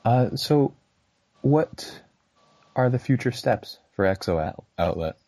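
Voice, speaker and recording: A man interviewing someone, putting measured, formally worded questions. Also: mid-range voice, lively intonation, warm tone.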